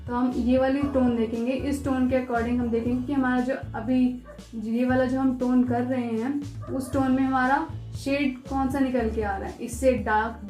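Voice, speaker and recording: A woman art teacher talking through a step-by-step pencil shading tutorial, patient and repetitive, softly guiding the viewer. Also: sits high. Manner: patient, repeats instructions, soft and unhurried. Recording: echoey room with faint music.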